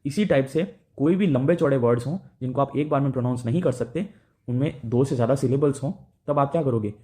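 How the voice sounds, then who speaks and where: Indian man teaching grammar, mellow voice. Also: medium pitch, fast. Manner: explains step by step, often asks "right?". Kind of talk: Hindi-English grammar lesson.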